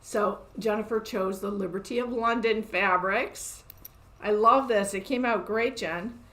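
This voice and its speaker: A chatty, upbeat woman hosts a live show from her quilt shop, pitched at an everyday middle level. She talks casually and laughs often as she shows things off. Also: a little slow, fairly bright tone.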